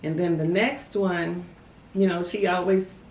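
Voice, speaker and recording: A woman's voice: fairly low pitch, steady tone, a little slow, a little mellow. A woman reflecting on family memories in an interview, telling stories with frequent "you know". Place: family home. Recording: roomy sound from a distant mic.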